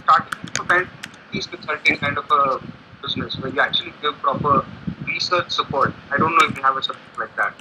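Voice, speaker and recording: A man's voice: fairly high pitch, brisk. A man giving a client testimonial, heard through a laptop speaker on a call, hesitant and thinking aloud with many restarts. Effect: voice coming through a laptop speaker on a call. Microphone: laptop on a remote call. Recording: muffled lo-fi call audio with background noise.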